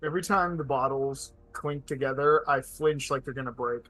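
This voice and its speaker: A man's voice: mid-range voice, moderate pace, fairly bright tone, soft background music, low-quality recording. A man who is a player in a tabletop role-playing game, chatting casually. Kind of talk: casual chat.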